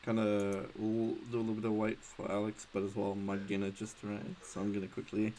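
A man running a tabletop game as game master, narrating casually and hesitantly, pausing as he goes. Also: on the low side, monotone, mellow, a little hiss or hum.

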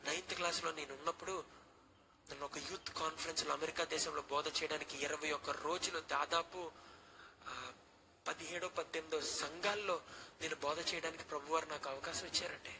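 A man's voice: a little high, steady tone, brisk, gravelly, a crowd in the background, low-quality recording. A young man in his twenties, a pastor, earnestly telling a personal testimony and slipping English phrases into his speech.

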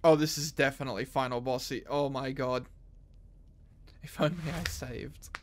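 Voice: medium pitch, fairly even intonation, moderate pace, faint music behind. A gamer giving casual, reactive commentary while playing, swearing and exclaiming at the game as they talk to themselves. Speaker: video game streamer.

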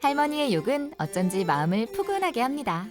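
A woman's voice: on the high side, very animated, fairly quick. A woman reading scripted television documentary narration as a voice-over. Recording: studio voice-over under loud music.

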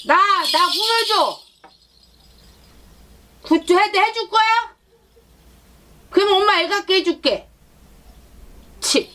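A woman's voice: very high voice, lively intonation, takes it slowly, pauses often, full character voice. A woman shaman voicing a sulky, demanding child spirit that whines, pouts and coaxes with repeated tag questions. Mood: whiny pouting. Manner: whiny, pouting, coaxing with repeated tag questions. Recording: loud noise with rattle.

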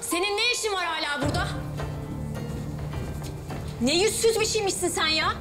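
A woman's voice: very high-pitched, normal speed, loud music behind the voice. An actress playing a spoiled rich young woman who barks orders with open contempt. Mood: haughty. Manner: contemptuous, commanding. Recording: TV drama with loud score underneath.

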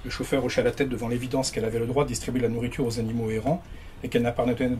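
A man reading extracts of a novel aloud at a bookshop event, steady and unhurried in tone. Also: medium pitch, a little hiss or hum. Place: bookshop reading before an audience.

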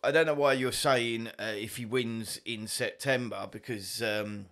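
A British man hosting a sports podcast, chatting casually and rambling about boxing news, self-mocking and quick to laugh at himself. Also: mid-range voice, fairly even intonation, a bit bright. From Britain.

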